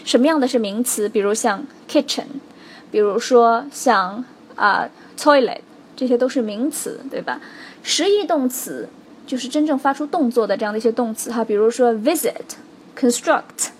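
Woman english teacher, high voice, explains step by step, asks "ok?" a lot. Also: a little hiss or hum. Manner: explains slowly and clearly, stressing example words, checks in with "OK?" and "right?". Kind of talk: spoken English lesson.

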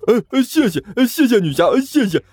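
A man's voice: very high-pitched, very animated, fairly quick, a little mellow, breathy edge, no echo, clean studio sound, voice pushed up, exaggerated voice. A man voicing a sly, cowardly male thug leader who whines and wheedles. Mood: wheedling. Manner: wheedling, whiny.

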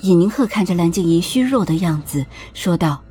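A woman narrating a palace drama audiobook in a steady, expressive storytelling voice. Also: on the low side, brisk, faint music behind.

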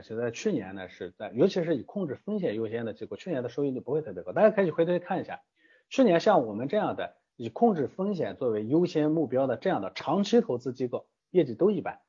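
A man's voice: medium pitch, big pitch swings, quick pace, dark tone, husky, dull audio. A man answering interview questions as a guest from an investment platform, emphatic and full of rhetorical questions.

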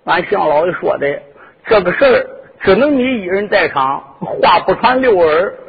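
A man's voice: high-pitched, expressive, moderate pace, gravelly, husky, exaggerated voice. A male storyteller voicing a sly, cringing young male servant clown who whines and wails in mock crying. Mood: timid. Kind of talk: traditional sung storytelling with dialogue. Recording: dull lo-fi with long reverb.

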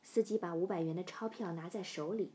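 A middle-aged woman telling a first-person story, sinking to hushed whispers in tense parts. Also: lowish voice, brisk. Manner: dropping to hushed whispers in suspense.

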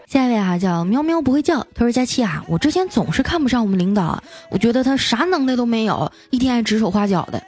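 This woman's voice sits a little high and sounds expressive and slightly mellow, with soft music underneath. As a radio host, she reads listeners' jokes in a lively, comic, chatty way, adding playful teasing asides with drawn-out particles.

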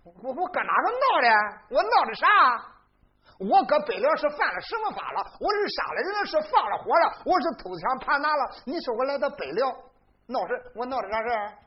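A storyteller voicing a polite but sharp-tongued young male hero who argues in pointed questions. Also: extremely high pitch, a little fast, voice pushed up. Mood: indignant. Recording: dull lo-fi recording.

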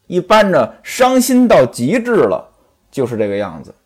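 Lively man telling a story. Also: a little high, normal speed, breathy edge. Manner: chatty, asides to the audience. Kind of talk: traditional storytelling with commentary.

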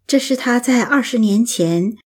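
Slow, husky woman reading prose. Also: on the high side. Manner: slow, lilting, expressive reading. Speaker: narrator reading an essay. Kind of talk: scripted prose narration.

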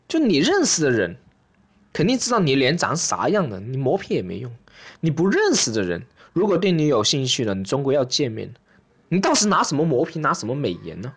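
A man hosting and performing an open-mic stand-up monologue, ranting in an exaggerated way and acting out little scenes. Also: high-pitched. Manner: animated, exaggerated, rants and acts out scenes. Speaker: stand-up comedian and host.

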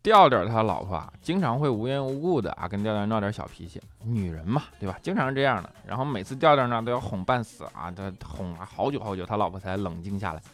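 A man hosting a comedy show, telling jokes in a mocking, animated monologue with many rhetorical asides. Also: fairly low pitch, fast talker, hardly any pauses, faint music behind. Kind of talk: scripted comic monologue.

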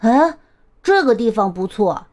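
A woman puts on a small jealous boy from a children's storybook, his high voice whiny and pouting, leaping up and down in pitch. He sulks and then bursts out loud. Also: big pitch swings, unhurried. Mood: excited. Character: little boy, jealous of new baby sister.

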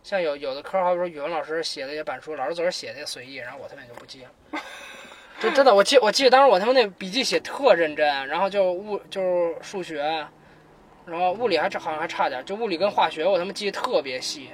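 A man's voice: sits high, expressive, racing. A man in a casual podcast chat, blunt and swearing often. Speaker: podcast co-host.

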